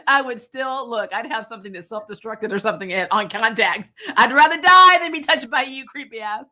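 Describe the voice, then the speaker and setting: Fairly high-pitched, bright and forceful, a woman talks fairly quickly as host of a movie review show. Her joking film review is casual, sarcastic and blunt, full of salty language and frequent giggles.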